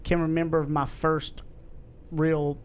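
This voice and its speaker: A man's voice: a little high, flat delivery, measured pace, clean tone. Earnest, rambling man podcaster. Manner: rambling, earnest, self-described redneck voice. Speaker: podcast co-host. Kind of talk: casual podcast chat.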